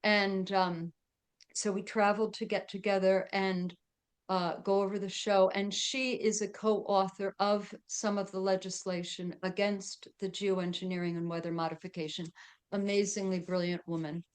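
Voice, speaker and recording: A woman's voice: medium pitch, flat delivery, normal speed, smooth. A middle-aged woman chatting as a podcast guest, with lots of fillers and frequent laughs. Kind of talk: casual interview chat.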